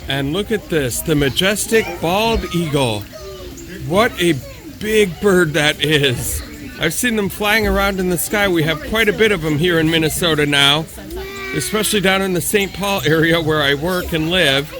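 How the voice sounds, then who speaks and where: Over background music, a travel vlogger talks casually about the wildlife he's seeing, exclaiming with wonder. He speaks at a normal speed in a medium-pitched voice.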